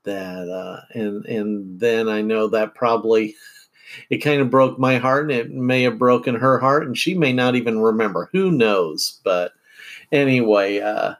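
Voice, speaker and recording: Middle-aged guy doing a chatty morning podcast at home, slow and rambly, lots of ums. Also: on the low side. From central Illinois. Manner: rambling, unhurried, many fillers and restarts. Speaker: podcast host. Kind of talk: casual morning podcast chat.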